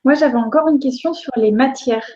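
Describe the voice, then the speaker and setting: Mellow-toned woman hosting, muffled sound. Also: high voice, fairly quick. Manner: accommodating, recaps for the audience. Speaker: interviewer and host. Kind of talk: hosting a live Q&A interview.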